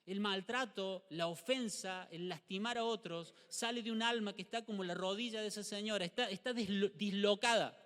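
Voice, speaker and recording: A middle-aged male pastor with an Argentine Spanish accent, preaching a lively sermon and asking the congregation rhetorical questions. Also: high voice, moderate pace, few pauses, smooth. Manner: animated, acts out short dialogues, rhetorical questions to the congregation. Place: church hall. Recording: live church stream with long hall reverb.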